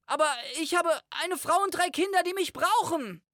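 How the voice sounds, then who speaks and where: A man's voice: very high-pitched, moderate pace, pushed and bright, no room sound, clean studio sound, pitched above the performer's own voice. A man playing a panicked, stammering family man. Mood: panicked pleading. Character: desperate male protagonist, family man facing death.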